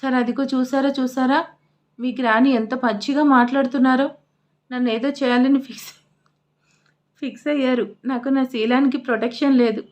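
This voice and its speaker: A jittery young male assistant, as a woman narrator puts him on in an audio storybook. He pleads and overreacts in comic panic, in a slightly high voice. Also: fairly even intonation, a little fast, darkish tone, natural voice. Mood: panicky.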